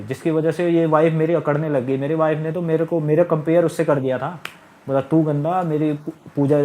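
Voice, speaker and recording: A man's voice: fairly high pitch, darkish tone. A middle-aged man telling a long personal story in a casual, rambling, aggrieved way, repeating his phrases. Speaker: storyteller recounting his marriage. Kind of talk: casual spoken monologue.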